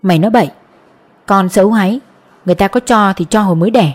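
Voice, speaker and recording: A woman reading the part of a rough middle-aged male petty thief with coarse, boastful talk in an audiobook. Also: mid-range voice, quick pace, natural voice. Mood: gruff. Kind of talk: audiobook narration.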